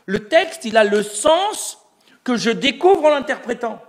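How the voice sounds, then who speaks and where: Male teacher, high-pitched voice, explanatory lecture delivery with rhetorical questions. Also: sing-song, a little slow. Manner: asks rhetorical questions and answers them himself; explanatory, building an argument step by step. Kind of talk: recorded lecture.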